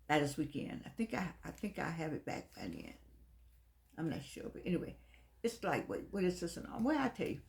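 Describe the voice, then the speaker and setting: Animated toothless woman, echoey room. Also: medium pitch. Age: middle-aged. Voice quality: toothless, slightly soft articulation. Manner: animated, sassy, folksy, repeats phrases for emphasis. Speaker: vlogger. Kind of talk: casual chat, rambling advice to viewers.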